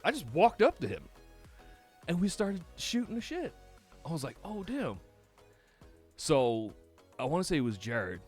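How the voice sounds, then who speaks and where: A man with a New York accent, hosting a podcast and telling stories in casual chat, animated and swearing freely. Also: on the high side, moderate pace, long pauses, soft background music. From United States. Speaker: podcast host.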